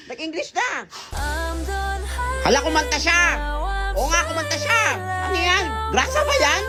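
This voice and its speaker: A woman narrating a comedy skit in a loud, excitable way, often shrieking and joking. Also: extremely high pitch, measured pace, loud music behind the voice.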